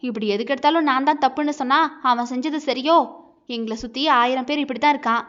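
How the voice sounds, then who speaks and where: A woman's voice: high-pitched, fairly even intonation, fast, fairly bright tone. A woman voicing a hurt young wife who argues back sharply and bitterly, in a dull lo-fi recording.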